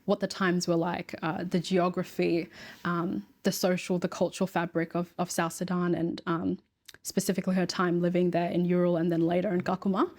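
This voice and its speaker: A woman, a guest in a casual interview, telling her story in a reflective, measured way. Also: on the low side, flat delivery, a little mellow.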